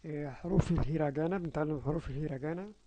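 A man with an Egyptian Arabic accent teaching a language lesson, patiently repeating syllables aloud and slowly spelling out words. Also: a little high, lo-fi sound, heavy background noise.

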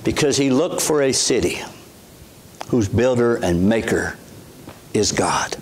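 A man's voice: medium pitch, animated, takes it slowly, a little hiss or hum. A middle-aged man, a pastor giving a sermon in a church sanctuary on a lapel mic, speaking earnestly in a conversational way with frequent restarts.

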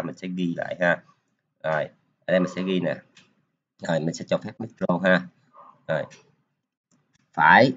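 Clicking through a screen-recorded coding lesson, a programming teacher talks casually through every step, with lots of filler particles. He has a deep voice, and the lo-fi sound carries a little hiss or hum.

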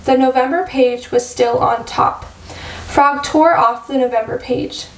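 A woman teacher reading a picture book aloud to first graders. Her voice is high and her pace slow, clear and gentle. She sounds set back from the mic in a room with a roomy echo. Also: recorded from a distance. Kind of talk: storybook read-aloud for children.

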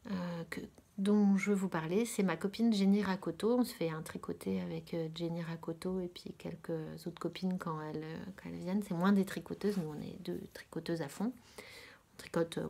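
A woman from France chats casually as host of a knitting podcast, her voice sitting a little low. She hesitates often and fills gaps with filler sounds, often slipping into a soft near-whisper. She gushes over what she likes, repeating words of praise. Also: vocal fry. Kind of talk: casual chat about knitting.

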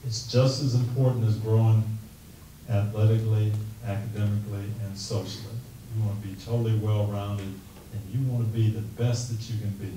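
A middle-aged man speaking earnestly into a handheld mic to a team in a classroom, giving a measured talk that moves into prayer. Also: fairly low pitch, little pitch movement, slight background noise. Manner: earnest, measured, softly pleading. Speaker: guest speaker. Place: classroom meeting room, indoors. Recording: echoey room, camera from a distance.

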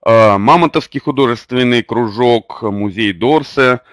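A man hosting an online webinar, presenting unscripted and pausing often on drawn-out fillers. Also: medium pitch, no room sound, clean studio sound. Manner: hesitant, many drawn-out fillers. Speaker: webinar host.

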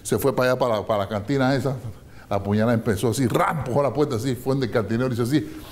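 A man's voice: medium pitch, rapid-fire. A man, a comedian telling a long joke, laughing and jumping into voices for each character. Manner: animated, laughing storyteller who does many voices. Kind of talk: comic joke telling and sketch.

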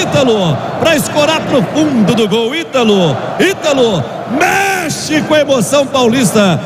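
High, emphatic Brazilian radio reporter, man. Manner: emphatic, repeating words for effect. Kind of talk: excited football goal report. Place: football stadium. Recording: very noisy stadium with roaring crowd.

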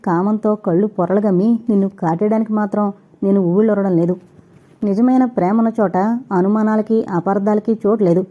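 A woman voicing an earnest young man who calmly reasons and pleads his love, read as an audiobook character. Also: medium pitch, lightly acted. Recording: dull lo-fi recording.

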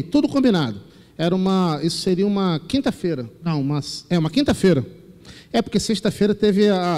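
A man's voice: high-pitched, dark tone. A man preaching a sermon in a church, telling personal stories and acting out the dialogue in them at a shifting pace. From Brazil. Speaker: pastor. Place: large church sanctuary. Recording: long reverb of a church hall.

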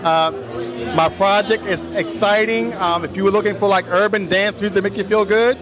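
Young guy casual interview chat, high voice, music behind. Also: steady tone, normal speed, crowd noise.

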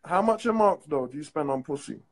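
A man's voice: fairly high pitch, animated, brisk. A young man, chatting and teasing in slangy casual banter on a phone live stream. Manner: slangy, teasing, laid-back storytelling.

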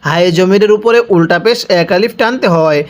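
High-pitched and fairly quick, a man with a Bangladeshi Bengali accent patiently spells out letters and vowels while teaching Quran reading. He draws out each word for the listener to repeat in this slow spelled-out recitation lesson.

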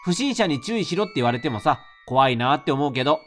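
Man reading as a girl telling a creepy memory, plain storytelling, bouncy pitch. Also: sing-song, fast, a bit bright, soft background music. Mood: calm recounting. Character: schoolgirl recalling a childhood encounter. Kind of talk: reading a horror novel aloud.

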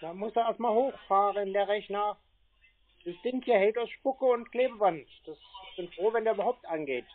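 This scambaiter has a high-pitched voice and speaks at a normal speed, chatting casually and stalling through rambling, unbothered talk. The call sounds muffled and narrow-band, with noticeable noise.

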